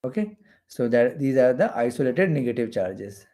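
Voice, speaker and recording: This Indian physics teacher has a warm, mid-range voice with big swings in pitch, speaking at a normal speed. Preparing students for exams, he explains concepts while drawing diagrams and repeats phrases to emphasize them.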